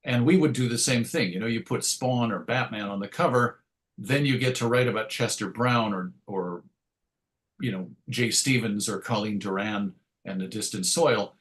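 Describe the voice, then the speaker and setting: Here a middle-aged man, an interview guest who writes and edits comics, tells chatty, wryly told anecdotes in a casual conversation. He speaks at normal speed with a fairly low pitch and a fairly bright tone.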